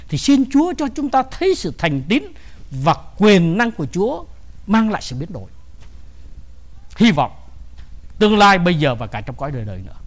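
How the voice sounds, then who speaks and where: A man preaching a sermon in a high, lively voice. He leans on his words and keeps asking the congregation questions, then answers them himself. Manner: emphatic, asks the congregation questions. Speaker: pastor.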